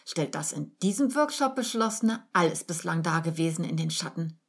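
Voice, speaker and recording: A woman reading aloud gives voice to a dramatic young office worker in a storybook tale. She complains in a raised, whiny, indignant rush, her tone husky and breathy. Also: low voice, expressive, moderate pace, full character voice. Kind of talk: audiobook character reading.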